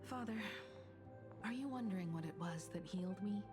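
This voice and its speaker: An actress playing a thoughtful, resolute young woman in a video game, speaking in a measured, earnest way. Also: mid-range voice, music in the background, close to an everyday voice. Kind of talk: dramatic video game voice acting.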